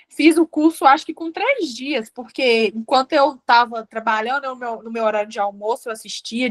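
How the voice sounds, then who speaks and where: High-voiced Brazilian woman telling her story. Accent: Brazilian Portuguese, Minas Gerais. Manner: lively storyteller acting out dialogue. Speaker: student giving a testimonial. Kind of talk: emotional personal story.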